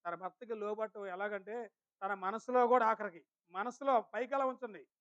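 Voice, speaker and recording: A male preacher with a notably high voice delivers a Sunday sermon in church and keeps questioning the congregation. His words turn slow and weighty when he reads scripture, and the recording sounds dull and lo-fi. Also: steady tone, a bit bright, clear, resonant tone. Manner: questions the congregation and calls on people by name. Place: church service.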